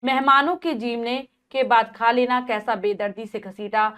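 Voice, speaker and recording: A woman's voice: on the high side, fairly even intonation, normal speed, a bit bright, clear, resonant tone, lightly acted. A woman reading the part of a frail, hungry old woman who pleads and laments, in a school play lesson. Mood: sorrowful.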